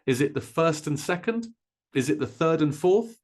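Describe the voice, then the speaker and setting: Lively-voiced male English teacher. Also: on the high side. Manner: clear, deliberate modelling of stressed words. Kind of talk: scripted pronunciation lesson.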